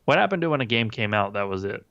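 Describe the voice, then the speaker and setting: A man's voice: on the low side, sing-song, quick pace, creaky, fairly bright tone, clear, resonant tone, lo-fi sound. A man co-hosting a casual gaming podcast, rambling and swearing, with lots of fillers and restarts. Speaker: podcast co-host.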